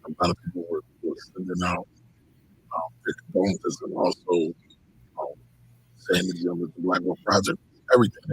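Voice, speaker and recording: A co-host talking in a halting, reflective way in a casual online show, his voice muffled as if he were underwater. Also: low voice, flat delivery, a little hiss or hum. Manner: halting, reflective, many restarts. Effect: muffled mic sounding underwater.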